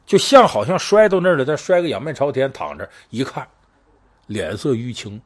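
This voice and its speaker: Male storyteller, husky, animated delivery, slips into character voices. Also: medium pitch, moderate pace. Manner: lively, conversational, acts out voices in the story. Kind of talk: casual spoken storytelling of a true crime case.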